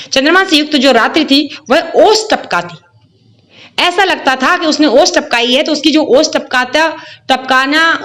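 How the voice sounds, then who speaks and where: A woman teacher explaining a Hindi poem, reciting verses slowly and then paraphrasing them in plain words. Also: sits high, sharp tone.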